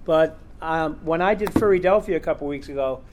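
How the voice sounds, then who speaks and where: Rather high-voiced and a little fast, a man speaks casually in a convention panel room, like someone used to hosting these talks. He rambles loosely and chattily, leaning on fillers such as "um" and "you know". A room recorder picks up a faint hum of ambience behind him.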